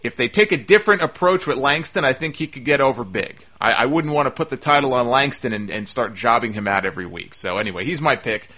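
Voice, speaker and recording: A male podcast host with a bright, forceful voice at a middle pitch. He talks through wrestling commentary conversationally and gives firm opinions. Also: quick pace, hardly any pauses.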